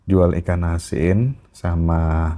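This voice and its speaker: A man's voice: sits low, steady tone, slow pace, dark tone. A man hosting a casual interview, reflecting at length and prompting his guest with follow-up questions. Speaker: host.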